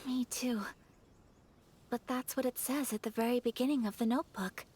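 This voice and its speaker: Ayaka, a soft-spoken noblewoman. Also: on the high side, steady tone, normal speed, slightly rough. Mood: calm. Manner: formal and courteous. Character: graceful, polite young noblewoman. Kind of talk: game voice acting.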